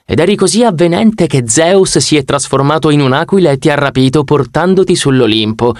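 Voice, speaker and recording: A male reader putting on a clever, self-assured teenage girl who explains things briskly. The voice is lifted high above his own. It sits dry and close to the mic. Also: expressive, dry recording, close to an everyday voice. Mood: knowing. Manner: brisk and knowing. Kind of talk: audiobook character voice.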